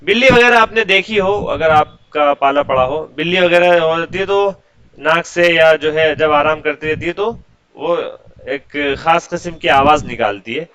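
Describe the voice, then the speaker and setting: Male tutor, bright higher voice, measured word-by-word lesson delivery. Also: clean tone, poor audio. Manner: slow dictation-like word-by-word explanation; asks rhetorical questions then answers. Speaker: English teacher. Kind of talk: vocabulary lesson with translations.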